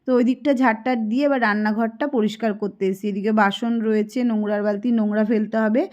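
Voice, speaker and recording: A woman's voice: on the high side, fairly even intonation, fairly quick, darkish tone, lo-fi sound. A woman in her thirties from Kolkata with a Kolkata Bengali accent, chatting casually to viewers as she does chores at home. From Kolkata, India. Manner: chatty, homely, running commentary on chores. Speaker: vlogger. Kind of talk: casual home vlog narration. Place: home, indoors.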